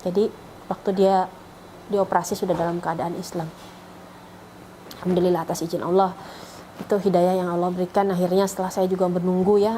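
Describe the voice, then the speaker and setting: A woman's voice: lowish voice, warm tone, slight background noise, poor audio. A middle-aged woman, telling her story as a mother in a personal testimony, emotional and acting out what others said. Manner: emotional, acts out quoted speech in a raised voice. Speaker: mother sharing a faith testimony.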